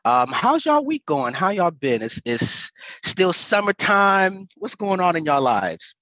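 A man's voice: high voice, sing-song, measured pace, bright, forceful tone, no room sound, rough recording. An American man hosting a podcast in a casual, chatty style. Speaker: podcast host.

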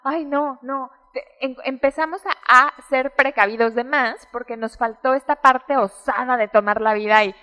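High-voiced woman explaining, roomy reverb. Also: moderate pace, hardly any pauses, highs cut off. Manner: animated, acts out quoted parents' voices. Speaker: child psychology expert guest. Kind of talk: explanatory interview talk.

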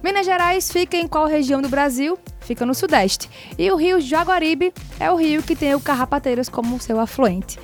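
A woman hosting a radio quiz in a studio, brisk and upbeat, reading each question slowly and clearly. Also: sits high, expressive, faint music behind. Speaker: radio show host, quiz master.

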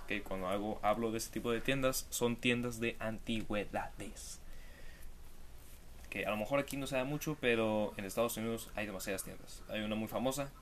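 A man's voice: fairly low pitch, fairly bright tone, slight background noise. A man giving casual, jokey commentary to camera, full of rhetorical asides. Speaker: video commentator.

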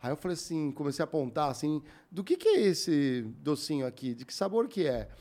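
Speaking fairly quickly at a fairly high pitch, this young Brazilian man hosts a podcast and spins a long, casual story about daily life. His Brazilian Portuguese accent comes through as he animatedly performs the voices of the people in it.

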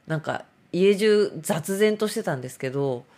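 A woman's voice: fairly low pitch, expressive, normal speed, dark tone. A middle-aged woman hosts a casual solo talk show, rambling and self-mocking.

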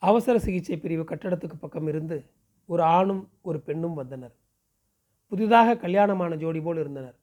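A man from Pondicherry reading a novel aloud, narrating and giving the characters' dialogue livelier voices. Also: dark tone. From Pondicherry, India. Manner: raises pitch and speeds up for characters' dialogue. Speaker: audiobook narrator.

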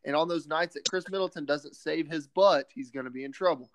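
A man co-hosting a casual sports podcast, emphatic and excited, often calling his partner "man". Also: a little high, brisk, no echo. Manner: excited and opinionated.

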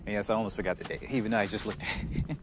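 Man, lowish voice, soft r's that sound like w, hesitant casual monologue, noticeable background noise. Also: level tone. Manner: hesitant, halting, with frequent chuckles. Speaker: podcast host. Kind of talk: casual reflective solo monologue.

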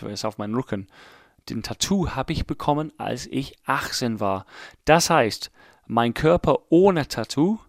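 This podcast host is an English native speaker from England, late thirties, talking in German with an English accent on a casual solo show. He thinks aloud, rambles, and teases himself in a medium-pitched voice, captured at studio quality with no echo.

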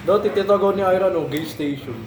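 A man's voice: high voice, fairly quick, heavy background noise. A young man joining a casual group chat, teasing his friends with blunt banter. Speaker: podcast co-host. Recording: echoey room with chatter behind.

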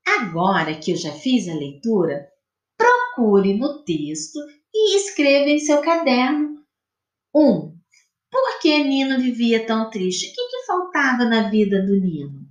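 Slow, lively Brazilian woman teacher. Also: sits high. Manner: slow, patient explaining, spelling out sounds and syllables. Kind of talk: recorded classroom lesson for pupils. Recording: echoey room.

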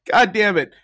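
A man's voice: high voice, bright, forceful tone. A young man co-hosting a casual podcast, laughing often and asking rambling questions. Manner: giggly, asks rambling questions. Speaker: podcast co-host. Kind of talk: casual chat.

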